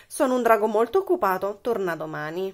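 A woman's voice: medium pitch, big pitch swings, a little fast, close to an everyday voice. Woman putting on a brusque busy dragon. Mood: dismissive. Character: bored greedy male dragon. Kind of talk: storybook reading aloud.

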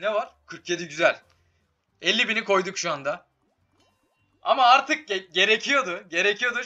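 Man, highish bright voice worn out by a cold, slangy sweary game commentary, music behind. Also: dull audio. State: slightly sick, voice giving out. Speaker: slot game streamer. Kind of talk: casual live gameplay commentary.

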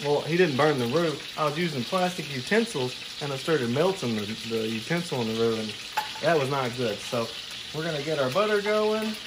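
This young man's voice runs on the high side, expressive and at a moderate pace, as he hosts a casual home cooking video and chats while he works. The noisy kitchen, with food frying and sizzling, is captured by a far-off camera mic.

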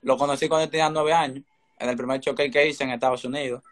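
A young Dominican teenager with a Dominican accent speaks at medium pitch in a steady tone and at a quick pace. He's casually answering interview questions over a remote video call from an indoor room, his phone or laptop close in front of him.

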